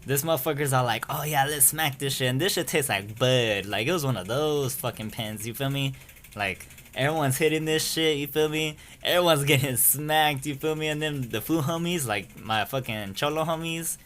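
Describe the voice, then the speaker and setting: A man's voice: mid-range voice, moderate pace, a bit bright, slight background noise. A young man telling a rambling story-time anecdote in casual, profane slang. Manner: rambling, slangy and profane, keeps saying "you feel me". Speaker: storyteller vlogger.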